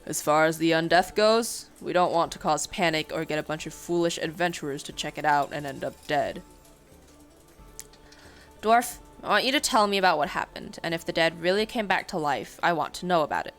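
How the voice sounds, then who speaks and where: A woman's voice: sits low, brisk, soft background music, lightly acted. A woman voicing a blunt, irritable tavern keeper, reading his lines aloud from a story. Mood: stern. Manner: snappy and blunt.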